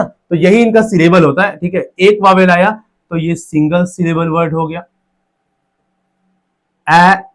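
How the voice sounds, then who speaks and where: Man teaching phonics, syllable by syllable. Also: a little high. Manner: explains step by step, breaks words into sounds slowly, repeats "theek hai". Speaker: exam-prep teacher. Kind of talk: classroom-style lecture.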